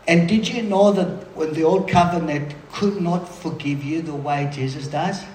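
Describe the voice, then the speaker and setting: A man preaching a sermon in a lively, conversational way, breaking off for quick asides to the room. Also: fairly high pitch, a little hiss or hum. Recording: roomy hall sound with faint ambience.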